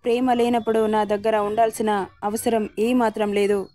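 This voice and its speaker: A woman's voice: mid-range voice, little pitch movement, normal speed, warm tone, natural voice. Woman reading as a harsh angry young husband. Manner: harsh, scolding.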